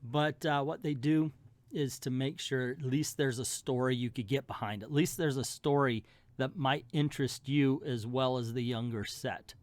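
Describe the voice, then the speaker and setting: A man's voice: mid-range voice, steady tone, normal speed, dry recording. A middle-aged man hosting a comic book review channel, giving a casual ranked countdown in a folksy, colloquial way with emphatic asides.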